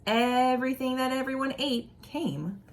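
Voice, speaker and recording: A woman with a high-pitched voice reads a children's picture book aloud, expressive and deliberate in her phrasing, adding asides for young listeners.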